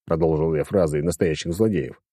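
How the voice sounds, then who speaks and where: A man's voice: rumbling low, a little fast, warm tone, no echo, studio quality. A man reading a first-person audiobook in a casual, crude, wisecracking manner. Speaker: audiobook narrator.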